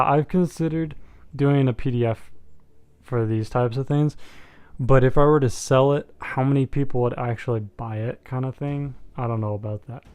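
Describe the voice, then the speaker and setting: A young man hosts a live-streamed board game, his mid-range voice a little mellow and clean. He talks to chat in a joking, rambling way full of fillers, with music faintly behind him.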